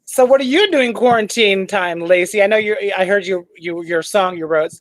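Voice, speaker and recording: A woman's voice: mid-range voice, moderate pace, poor audio. A woman hosting a livestreamed theater cabaret, chatting in a bubbly way and reading out viewer comments. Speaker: host of a livestreamed cabaret show. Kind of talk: casual live-stream chat.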